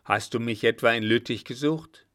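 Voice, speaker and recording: A man voicing a blustering, gruff old field marshal who bellows brusquely. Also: medium pitch, moderate pace, a bit bright, close to an everyday voice.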